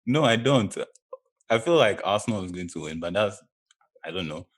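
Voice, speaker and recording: A man's voice: fairly low pitch, animated, normal speed. A man chatting casually about football as a panelist, emphatic and repeating phrases for effect.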